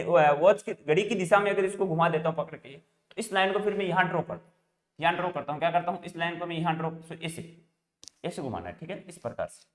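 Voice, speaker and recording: A male teacher giving a math lesson, asking questions and answering them himself over and over. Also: sits high. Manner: repetitive call-and-response questioning. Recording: echoey room.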